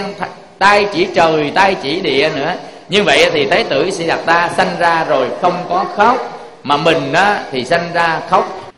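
A Buddhist monk with a Southern Vietnamese accent preaches in a fairly high voice. He keeps turning to his listeners with rhetorical questions. His voice rings in a roomy hall with a long tail of reverb. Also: fairly bright tone. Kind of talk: sermon.

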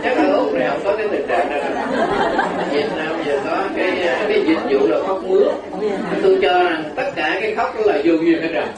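A Buddhist monk delivers a dharma talk full of folksy, teasing anecdotes. His voice sits high for a man. It is captured from a distance in a reverberant hall with a crowd. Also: brisk. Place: large hall with an audience. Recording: echoey hall, crowd laughter, distant mic.

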